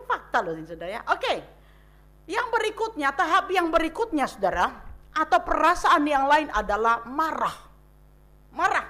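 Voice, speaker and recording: High-voiced woman pastor preaching dramatically. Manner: dramatic, acts out scenes with sudden loud outbursts and soft whispers. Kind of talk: seminar sermon on grief.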